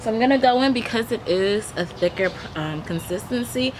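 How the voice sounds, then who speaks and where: A young woman's voice, a little high and expressive, moves at a moderate pace as she chats to camera. She's a beauty vlogger doing a makeup tutorial, explaining each step as she goes, in a leafy backyard with noisy outdoor ambience and a traffic hum around her.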